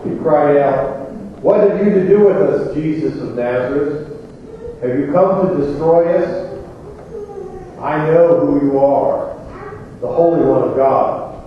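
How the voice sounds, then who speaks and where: A man solemnly proclaiming scripture in a measured, formal clergyman's delivery, with a cathedral echo around his voice. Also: fairly high pitch. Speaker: clergyman reading the Gospel. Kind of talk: solemn liturgical scripture reading. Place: large reverberant church. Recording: cathedral-like echo, distant muffled microphone, faint noise.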